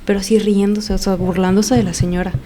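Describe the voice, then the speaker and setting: A woman's voice: mid-range voice, little pitch movement, brisk, dark tone, slight background noise. A young woman, casually telling a personal story on a podcast and acting out what people said with repeated phrases. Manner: retells events with many quoted lines, repeats phrases.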